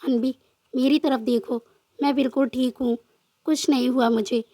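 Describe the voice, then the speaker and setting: A calm young officer gently soothing, as a woman puts him on. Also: high-pitched, normal speed, no echo, studio quality. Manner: soft, reassuring, lightly joking. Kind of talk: storybook narration with voiced dialogue.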